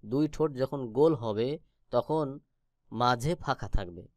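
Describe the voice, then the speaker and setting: A man teaching Quran recitation, explaining where each Arabic letter is formed and sounding it out slowly several times. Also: mid-range voice, animated, darkish tone, dry recording, clean studio sound. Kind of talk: slow instructional explanation.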